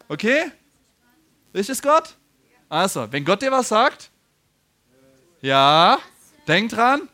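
A man's voice: high voice, bright, forceful tone. A man preaching a sermon, telling stories, laughing and asking the congregation questions.

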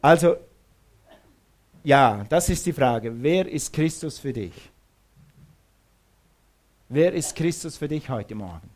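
A man's voice: a little high, expressive, takes it slowly, pauses often, a little mellow. A middle-aged man preaching a sermon, emphatic, repeating questions to his listeners.

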